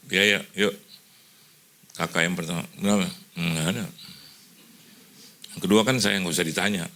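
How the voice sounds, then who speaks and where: Middle-aged indonesian pastor preaching, bright edgy voice, kinda low, tells stories n does the voices. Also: male voice, moderate pace. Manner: lively storytelling, mixing in English phrases, acting out quoted voices. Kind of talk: sermon. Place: church hall.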